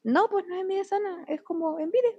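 A young woman with a Chilean accent and a high voice. She talks in a casual chat, hesitant and often searching for the right words. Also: fast talker, darkish tone, highs cut off.

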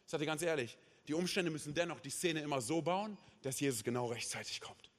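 A male pastor preaching at a church service in an impassioned way, swinging between loud and hushed and tagging his sentences with "hey" and "oder?". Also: fairly high pitch, fast talker. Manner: peppers speech with "hey" and "oder?" tags. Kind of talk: sermon. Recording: long reverb of a large hall.

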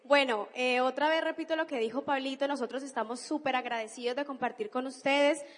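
A woman's voice: sits high, steady tone, a little fast. A Colombian woman from Cali giving an enthusiastic, emphatic motivational business talk to an audience. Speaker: business speaker. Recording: reverberant hall.

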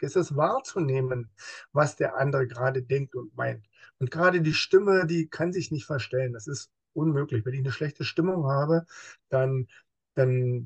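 Husky male guest, fairly high pitch, lively, acts out quotes, police officer type. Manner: lively, acts out quoted speech in other voices; explains with everyday examples. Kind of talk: casual interview talk.

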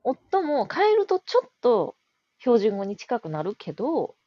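A woman's voice: a little high, wildly swooping pitch, measured pace, no echo, dull audio. A woman with a Kansai Japanese accent, co-hosting a podcast in casual, chatty talk, laughing often. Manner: chatty, laughs often, quotes others in a raised voice. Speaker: podcast co-host. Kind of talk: casual chat.

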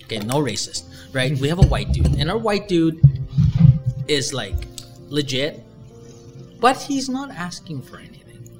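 Animated, rambling man chatting. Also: unhurried, long pauses, over music. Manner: animated, rambling, jumps in pitch when excited. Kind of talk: casual chat.

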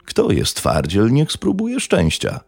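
A man's voice: rumbling low, very animated, measured pace, creaky, darkish tone, dry recording, heavily acted. A man doing a drunk swaggering young thug. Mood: taunting. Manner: taunting, swaggering, crude. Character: drunk menacing young male local thug.

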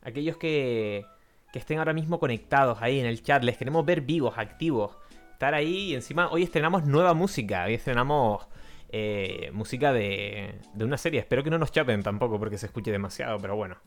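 A man's voice: mid-range voice, a little fast. A man from hosting a casual live-streamed podcast, chatty and jokey, often restarting his sentences. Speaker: podcast host. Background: faint background music.

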